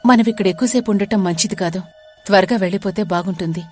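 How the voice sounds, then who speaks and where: A woman voicing a bold young woman who speaks in brisk, hushed scolding tones in a storybook reading. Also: medium pitch, soft background music, natural voice.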